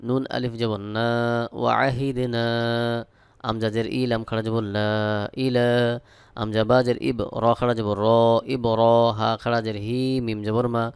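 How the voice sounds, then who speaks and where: A Bangladeshi man teaching Quran reading, spelling out each letter slowly and then chanting the verses. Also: medium pitch, smooth, no room sound. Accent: Bangladeshi Bengali. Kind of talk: spelling out Quran recitation lesson.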